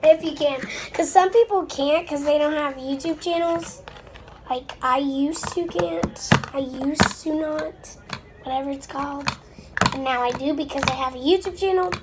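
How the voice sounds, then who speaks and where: In a high voice at moderate pace, a little girl with a blocked nose talks casually to viewers as she makes slime at home, wandering from thought to thought and sounding slightly sorry. She's under the weather, and the homemade recording has noise and clicks.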